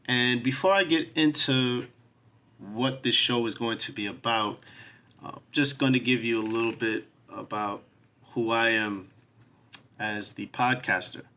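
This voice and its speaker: This solo podcast introduction comes from a host in his 40s from New York City, whose mid-range voice sounds pushed and bright at an unhurried pace. He reflects casually yet earnestly on his own life and on the show.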